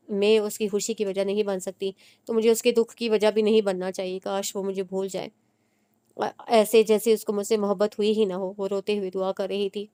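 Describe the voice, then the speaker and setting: A woman narrating a romance novel with a steady, measured reading. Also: mid-range voice, smooth.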